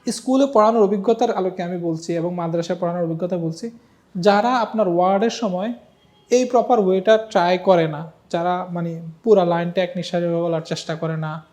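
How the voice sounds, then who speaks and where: High-voiced man teaching Quran reading. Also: fairly even intonation, a little fast, darkish tone. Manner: patient, repeats letter by letter, coaxing students to recite. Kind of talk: online Quran reading lesson.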